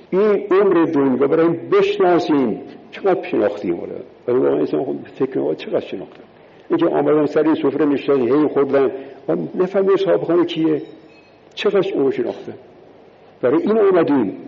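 A man delivers a religious sermon, counting off his points and driving each one home by repeating it. His voice has a gravelly edge. It rings out with a long reverb in a lo-fi recording. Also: medium pitch. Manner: emphatic, repeats key words, counts points in order. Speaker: preacher.

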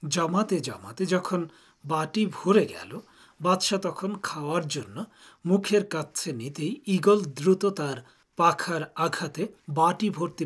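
Husky male radio storyteller. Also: a little high. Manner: calm, measured storytelling. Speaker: radio program host. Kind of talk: storytelling narration.

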